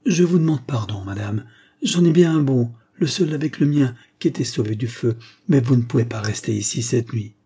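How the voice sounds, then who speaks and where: A man's voice: mid-range voice, normal speed, warm tone, breathy edge, natural voice. A man reading an audiobook, voicing an older peasant widow who runs an inn and speaks with fearful, pleading urgency. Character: frightened old peasant widow innkeeper.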